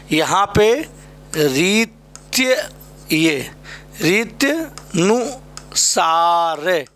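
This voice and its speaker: Male teacher, high voice, unhurried drilling delivery with constant quiz questions. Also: fairly bright tone. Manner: slow, repeats each word and quizzes students with questions. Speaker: Hindi teacher. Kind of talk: exam-prep spelling lesson.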